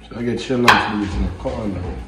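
A man's voice: fairly low pitch, fast. Jamaican man cooking in an echoey kitchen. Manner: easygoing, chatty, patois-flavored banter. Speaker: cooking vlog host. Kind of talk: casual cooking demo. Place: home kitchen, indoors. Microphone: camera mic at a distance. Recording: roomy kitchen echo, distant mic, clear background noise.

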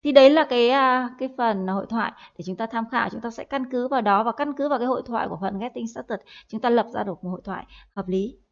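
Speaking fast with hardly any pauses, this woman explains English in Vietnamese during a recorded online class, using hesitant fillers and repeating words for practice. Her pitch is a little high, and the lo-fi recording sounds dull.

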